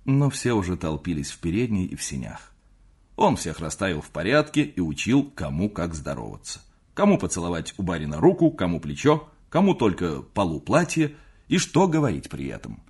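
Deep-voiced man reading a classic novel. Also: a little fast, breathy edge. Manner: expressive storytelling, acting out the characters. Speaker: narrator.

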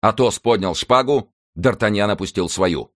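A man narrating an adventure audiobook in a measured, dramatic way. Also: on the low side.

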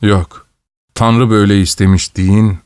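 A man's voice: lowish voice, fairly even intonation, unhurried, darkish tone, clean tone, dry recording, clean studio sound, natural voice. A man voicing an army captain in an audiobook, speaking in a heartfelt, affectionate way. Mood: tender. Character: usually cold army captain, suddenly tender.

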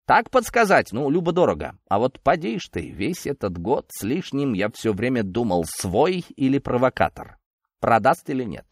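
Man putting on a worked-up blunt party boss, loud and jumpy, dry sound. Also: mid-range voice, moderate pace, dry recording. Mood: brooding. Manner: excited, emphatic, rustic bluntness. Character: agitated blunt male party secretary.

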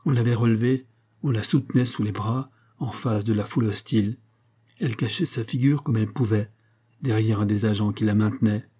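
A man narrating a novel in a measured, dramatic reading. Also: lowish voice, fairly even intonation, dark tone, husky. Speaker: audiobook narrator. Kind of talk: scripted narration.

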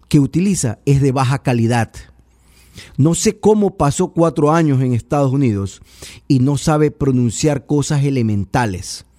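Male political commentator, mellow low timbre, dry close sound, sarcastic and pedantic. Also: no echo. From Ecuador. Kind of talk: radio-style political commentary.

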